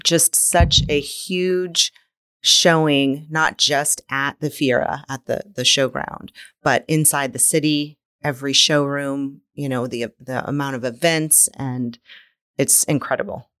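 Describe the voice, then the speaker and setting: A woman's voice: a bass voice, fairly even intonation, measured pace, a bit bright. A woman speaking casually as an interior designer being interviewed on a podcast.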